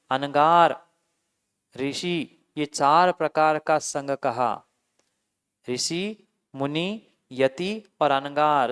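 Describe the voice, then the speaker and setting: Clear-voiced monk giving a sermon. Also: male voice, a little high. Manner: questions the audience, tells a true story. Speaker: Jain monk.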